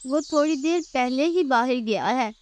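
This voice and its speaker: A woman voicing a greedy female thief bird, the thief's wife, with a shrill, wailing manner. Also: unhurried, darkish tone, a little hiss or hum. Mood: greedy scheming. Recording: faint music behind the voice.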